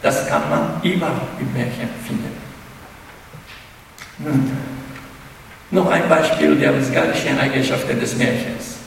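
A man's voice: medium pitch, a little slow, creaky, pauses often, slight background noise. A man giving a spoken lecture, hesitant and often restarting his words. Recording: echoey hall, mic far off.

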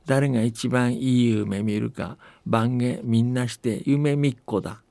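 A man voicing a poor, blunt old rural grandfather who speaks in Akita dialect, using rough country speech. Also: mid-range voice, fairly even intonation, unhurried, dark tone, dry recording. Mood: gruff.

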